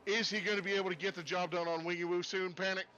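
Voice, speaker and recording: A man commentating a sim race in a put-on Texas accent, folksy and excitable. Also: high voice, fast, muffled recording, slight background noise.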